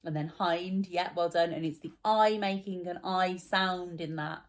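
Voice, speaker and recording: A woman's voice: fairly low pitch, fairly even intonation, measured pace. Patient woman teaching children spelling. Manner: patient, encouraging, explains step by step.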